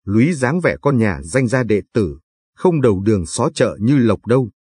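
A man's voice: medium pitch, big pitch swings, moderate pace, a little mellow, husky, no echo. A man reading a dreamy young artist friend. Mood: musing. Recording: dry, faint background music.

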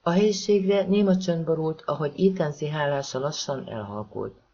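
A man with a fairly high pitch narrates a thriller novel as an audiobook, reading calmly and evenly and giving the characters soft voices. The recording is dull and lo-fi.

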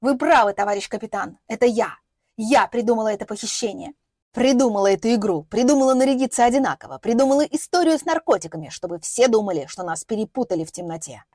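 A woman's voice: a little high, expressive, quick pace, a little mellow, no echo, clean studio sound. A woman voicing a bitter, defiant young woman who sneers and speaks vehemently, in an audiobook.

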